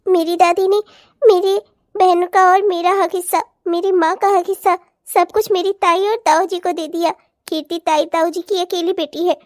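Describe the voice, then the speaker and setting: A woman's voice: very high voice, steady tone, normal speed, no echo, studio quality. A woman voicing a troubled young bride in a cartoon, speaking with anguish. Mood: grieving. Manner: emotional, anguished. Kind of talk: cartoon voice acting.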